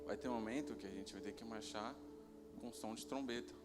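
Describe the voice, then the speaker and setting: Calm preaching man, music behind. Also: fairly low pitch, brisk, long reverb tail. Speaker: lay preacher. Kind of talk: sermon.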